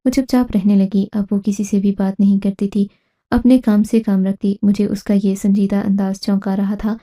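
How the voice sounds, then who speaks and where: A woman tells a dramatic story about her family in the first person. Her voice sits at a medium pitch, and her delivery is steady and scripted, like a storyteller's.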